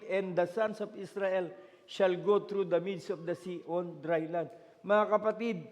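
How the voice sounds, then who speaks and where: High-voiced Filipino pastor in an echoing hall. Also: male voice. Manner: mixes Tagalog and English, searches for words aloud, rises to shouted declarations. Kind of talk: sermon. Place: church hall. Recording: long church hall reverb.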